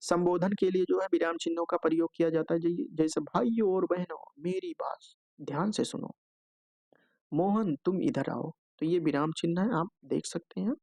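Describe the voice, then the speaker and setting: Male tutor, gravelly and a bit high, methodical exam-prep lecture, dry close mic. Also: moderate pace, darkish tone, no echo. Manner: explanatory, repeats filler "jo hai" often; checks in with "theek hai" between points. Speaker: teacher.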